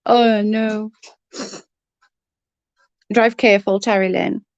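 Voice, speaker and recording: Slow and steady in tone, a woman with a medium-pitched voice chats casually on her livestream, greeting viewers by name. She's congested and coughing, her voice giving out. There's no echo, but the recording is muffled.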